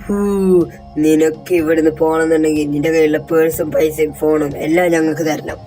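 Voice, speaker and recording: A man voicing a thief pretending to be a ghost in a game role-play, talking slowly and threateningly. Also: fairly high pitch, completely flat delivery, over music, close to an everyday voice. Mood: menacing. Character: thieves posing as ghosts, menacing then meek.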